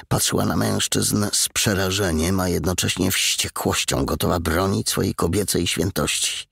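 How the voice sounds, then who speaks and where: A man's voice: deep voice, vocal fry, breathy edge, dry recording, studio quality. A man reading an audiobook as the narrator, telling the story with tense drama. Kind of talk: scripted narration.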